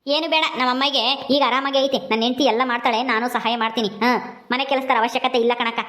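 A woman's voice: high voice, fairly even intonation, fast talker, a little hiss or hum. A woman playing a blunt young village man. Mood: dismissive. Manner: sharp, dismissive.

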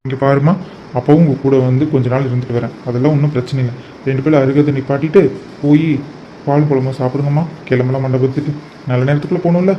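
A man voicing a gentle, emotional father in a cartoon who talks softly and pleads with his daughters. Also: medium pitch, steady tone, quick pace, a little hiss or hum, natural voice. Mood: coaxing. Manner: soft, pleading, consoling. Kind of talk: cartoon voice acting. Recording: muffled lo-fi recording.

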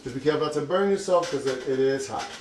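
Background noise surrounds a mid-range male voice speaking fast. An older man hosts a casual cooking demonstration in his home kitchen, chatting and encouraging viewers while he works.

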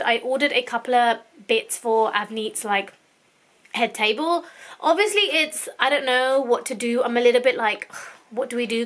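A woman's voice: high-pitched, a bit bright. A woman in her thirties, feeling unwell with sore tonsils, chatting casually to a handheld camera in her bedroom, rambling between plans and minding her son. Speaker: vlogger. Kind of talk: casual vlog chat. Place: bedroom, indoors. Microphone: handheld camera at arm's length.

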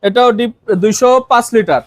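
A man with a Bangladeshi Bengali accent selling used fridges in his shop, reeling off prices in a fast, insistent haggling patter. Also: extremely high pitch, no echo. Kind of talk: rapid sales pitch, counting prices down.

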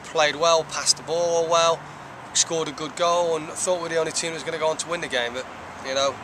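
A man in his thirties, a soccer head coach, giving a measured, reflective postgame interview outdoors, with lots of "you know". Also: a little high, fairly even intonation. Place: outdoors by a stone wall. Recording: outdoor traffic noise.

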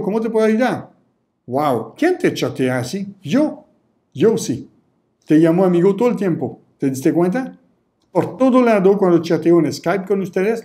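A man's voice: a little high, mellow. A man teaching an online sales course, repeating himself and acting out customer chats in little voices. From Canada. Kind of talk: energetic sales lesson.

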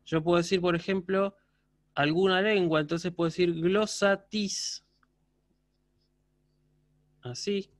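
A man's voice: sits high, steady tone, normal speed, no room sound. Patient man teaching online. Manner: patient, explanatory, checks understanding with frequent questions. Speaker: university teacher. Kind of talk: online class lecture.

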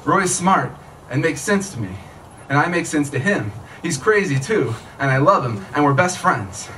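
An author in his thirties reads his short fiction aloud with animation at a moderate pace, his voice a little high and a bit bright, in a conversational storytelling manner. He performs at night on a small outdoor tent stage into a stand mic, and the clip was filmed from the audience, leaving it distant and full of live-event noise.

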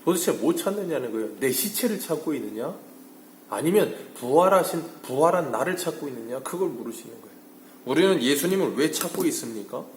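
A male pastor preaching an early-morning sermon, asking rhetorical questions and moving between hushed and emphatic delivery. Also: medium pitch, lively intonation, quick pace, echoey room, a little hiss or hum. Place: church sanctuary.

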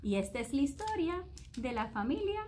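A woman reading a children's story aloud, expressive and talking to young listeners. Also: high-pitched, moderate pace, slight background noise.

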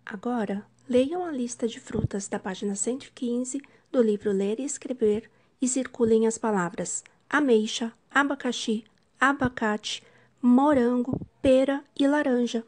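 A woman teacher, giving a home-recorded reading lesson to young children and sounding out syllables slowly and clearly. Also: fairly high pitch, slight background noise. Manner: slow, clearly syllabified speech to young pupils. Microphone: home-recorded video.

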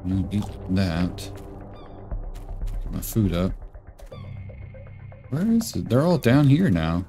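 A man with a sick, rough voice, rambling casually and thinking aloud while he plays a game. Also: deep voice, big pitch swings, unhurried, long pauses. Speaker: gaming YouTuber. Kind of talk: casual gameplay commentary. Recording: game music playing behind. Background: game music.

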